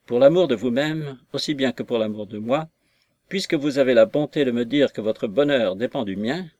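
A tender young daughter who begs her father with rising emotion, as a male reader voices her. The voice sits a little above his usual pitch. The sound is dry and close to the mic. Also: normal speed, a little mellow, no echo, close to an everyday voice. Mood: pleading. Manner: imploring and emotional.

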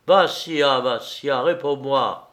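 A man's voice: mid-range voice, lively intonation, slow, fairly bright tone. A man voicing a frightened young man who urgently pleads with his ailing friend. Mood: desperate. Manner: urgent, desperate.

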